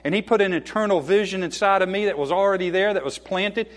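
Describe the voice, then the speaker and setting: A man's voice: sits high, fast. Earnest man in his fifties preaching. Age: 50s. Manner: earnest, folksy, joking asides. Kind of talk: sermon and closing prayer.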